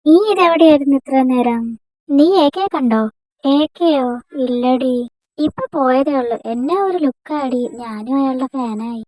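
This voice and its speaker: A young woman voicing a lively, quick-tongued female first-year student who squabbles with her friends in an amateur dubbed romance drama. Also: high-pitched, no echo. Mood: chatty. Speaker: fan dub voice actor.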